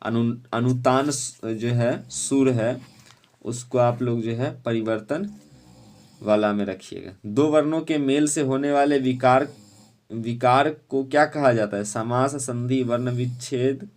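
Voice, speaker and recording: A man teaching an exam-prep lesson, quizzing students and urging them to answer quickly. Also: mid-range voice, darkish tone.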